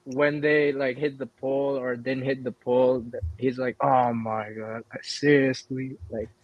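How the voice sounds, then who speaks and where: Brief: young male co-host, teasing banter, mid pitch, dry close-mic studio sound. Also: level tone, dry recording, phone-quality sound. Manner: jokey, quick asides. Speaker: podcast co-host. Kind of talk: casual podcast chat.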